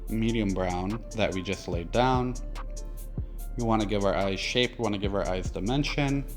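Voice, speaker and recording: A man's voice: lowish voice, normal speed, soft background music. A man with a lisp and slushy s sounds, giving a casual, conversational step-by-step makeup tutorial as a drag performer.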